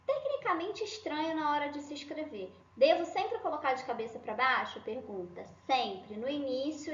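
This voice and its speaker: A woman's voice: high voice, a little hiss or hum. A woman teacher giving a language lesson, checking in with short tag questions and patiently repeating and rephrasing each point. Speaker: Spanish teacher. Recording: roomy, slightly dull sound.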